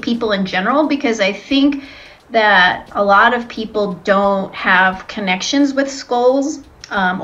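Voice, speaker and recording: Woman, interviewer, casual chat, tentative rambling phrasing, dull low-fidelity recording. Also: a bit bright.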